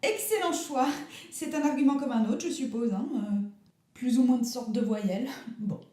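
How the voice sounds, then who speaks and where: An earnest young radio interviewer, played by a woman in a comic radio sketch. She asks her questions in a mock-formal, teasing manner. Her tone is mellow and the recording is roomy. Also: on the high side, normal speed, natural voice.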